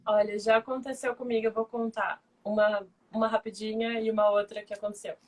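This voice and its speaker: A woman's voice: mid-range voice, fairly quick. A young adult woman and former flight attendant who chats casually and tells stories, acting out the voices of the people in them. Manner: animated, acts out dialogue in her stories. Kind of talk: casual chat, storytelling.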